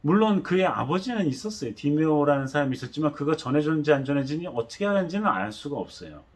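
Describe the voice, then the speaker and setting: A pastor preaching a sermon, telling the story animatedly and acting out the voices. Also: male voice, fairly high pitch, sing-song, very fast.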